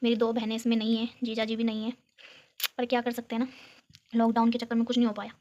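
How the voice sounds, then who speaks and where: Young female home vlogger from Uttarakhand, chatty and giggly, talks to viewers on a phone; highish, even-toned voice. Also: fast talker, dull audio, slight background noise. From Uttarakhand, India. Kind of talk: casual chat showing a photo album. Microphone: phone camera.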